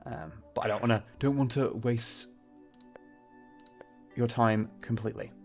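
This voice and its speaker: A man's voice: mid-range voice, steady tone, unhurried, creaky. A man streams a game in a casual, conversational way. He talks in a rambling, self-correcting manner and reads story text aloud, with faint music behind him. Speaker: game livestreamer.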